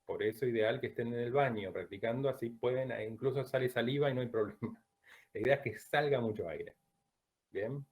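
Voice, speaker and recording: A man from Latin America teaching a Chinese pronunciation class, who drills sounds slowly and checks in with "¿bien?" after each point. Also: mid-range voice, darkish tone. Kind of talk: online class lecture.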